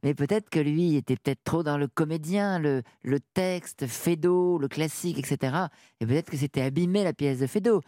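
A woman in her sixties from northern France, a radio interview guest talking in a lively, halting way with many restarts. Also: deep voice, no echo, studio quality. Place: radio studio.

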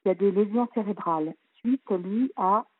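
A woman's voice: medium pitch, normal speed, breathy edge, no room sound. A woman in her fifties calling a radio advice show, earnest and hesitant, her voice sounding hollow as if talking through a tube on a tinny phone line. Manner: earnest, hesitant, many fillers. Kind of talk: call-in advice talk.

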